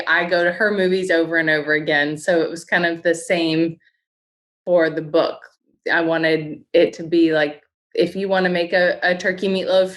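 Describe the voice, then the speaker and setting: A woman's voice: low-pitched, fairly bright tone. A woman from West Virginia with an Appalachian accent, chatting as a guest chef in a casual interview.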